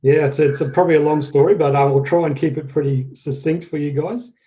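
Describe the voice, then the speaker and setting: An Australian man in his forties with a very dark, mellow voice that stays flat in pitch. He tells his story as a podcast guest, halting and correcting himself. The audio is dull and lo-fi. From Australia, central Queensland. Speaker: guest, fitness business owner. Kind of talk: casual interview storytelling.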